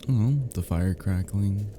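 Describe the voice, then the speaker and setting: In an intimate ASMR roleplay, a man with a fairly low pitch plays a cozy, teasing young male friend who's sweetly smitten, murmuring softly and hesitantly between chuckles. A little hiss or hum can be heard.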